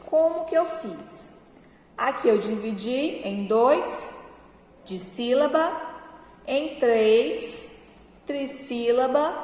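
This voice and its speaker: A woman teacher giving a slow, patient review lesson to children, often checking that they follow along. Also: a little high. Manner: slow, patient, encouraging, checks understanding with "certo?". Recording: echoey room with long reverb.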